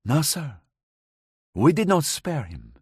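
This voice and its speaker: A man reading a storybook voices a hardened, vengeful woman who speaks slightly broken English and bitterly relives her past crimes. The exaggerated character voice sits higher than his narration, swings widely in pitch, moves slowly, and has a darkish tone with a breathy edge. The recording is close and dry, with no room sound.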